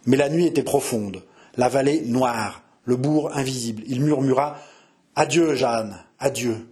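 A man narrates a swashbuckling tale in a dramatic, measured voice. His pitch sits mid-range for a man, and he lets the sentences roll at a steady pace. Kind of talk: dramatic audiobook reading.

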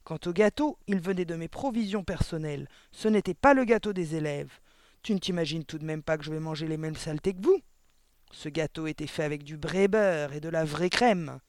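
A man's voice: fairly high pitch, a little fast, darkish tone, no echo, close to an everyday voice. A man reading a storybook aloud, voicing a cruel, furious woman headmistress who bellows insults at a pupil. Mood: raging.

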